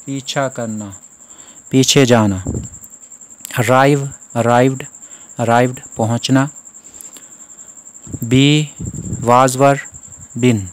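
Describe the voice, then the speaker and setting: Slow, measured male grammar teacher. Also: mid-range voice. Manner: slow, measured recitation of word lists with translations. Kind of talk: recorded lesson reciting verb forms.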